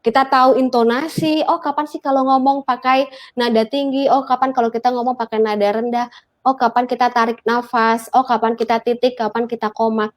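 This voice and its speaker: A woman's voice: fairly high pitch, steady tone, a little fast. A young woman with a Javanese accent, a guest coach explaining public speaking drills in casual talk show chat and demonstrating newsreader-style delivery.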